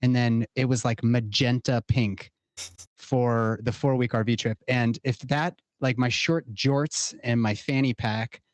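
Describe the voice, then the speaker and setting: A man's voice: medium pitch, steady tone, measured pace, dry recording. Male podcast guest, 30s, earnest and playful, dry close sound. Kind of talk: casual chat.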